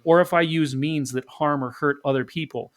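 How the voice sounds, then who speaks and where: A man's voice: fairly high pitch, fairly even intonation, normal speed. A man co-hosting a casual discussion podcast, explaining his points methodically. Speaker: podcast co-host.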